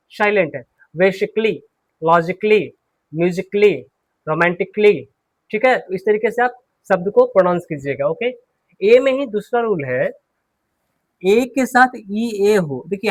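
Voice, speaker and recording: A high-pitched man teaches an English pronunciation class at a board, recorded with no echo. He poses questions to the class, answers them himself, and repeats the key words.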